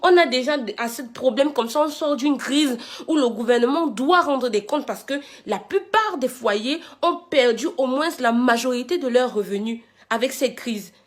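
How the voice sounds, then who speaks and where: Indignant, higher-voiced woman ranting. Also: moderate pace, few pauses. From Africa. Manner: indignant, confrontational, emphatic; repeats phrases and rhetorical questions. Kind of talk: rant addressed to viewers.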